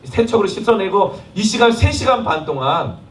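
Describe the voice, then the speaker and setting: A man's voice: high-pitched, normal speed, slight background noise. Pastor man telling a story from the pulpit, acts out what people said, roomy hall sound, mic kinda far. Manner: storytelling, animated retelling with quoted dialogue. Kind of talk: sermon with personal story. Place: temporary worship hall in a school. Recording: echoey hall, mic at a distance, faint ambience.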